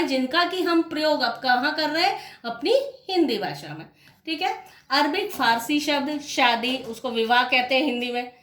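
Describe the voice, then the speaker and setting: High-voiced woman teaching in an echoey room. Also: fairly bright tone. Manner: asks the class questions and answers them herself; checks understanding with a repeated "clear?". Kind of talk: classroom grammar lesson.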